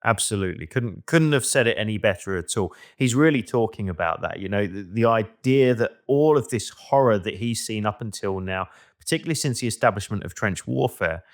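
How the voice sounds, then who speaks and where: A man's voice: lowish voice, expressive, a little fast, few pauses. A man co-hosting a history podcast, discussing a quote in a thoughtful, agreeable way. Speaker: podcast co-host. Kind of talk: casual discussion.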